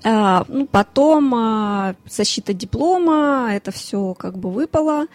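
A woman in her thirties from Ukraine, a lawyer and consultant, answering interview questions in a measured way with fillers. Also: fairly high pitch, lively intonation, darkish tone. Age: 30s. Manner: measured, listing things with fillers.

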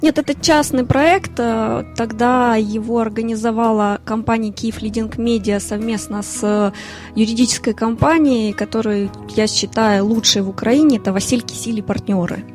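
A woman in her thirties from Ukraine, a lawyer and consultant, answering interview questions in a measured way with fillers. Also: fairly high pitch, steady tone, a little mellow, faint music behind. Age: 30s. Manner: measured, listing things with fillers.

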